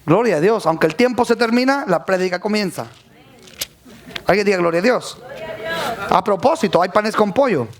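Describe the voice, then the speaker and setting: A man's voice: high-pitched, lively intonation, moderate pace, long pauses. A male pastor, preaching a sermon and calling out to his congregation. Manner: preaching with rising calls to the congregation.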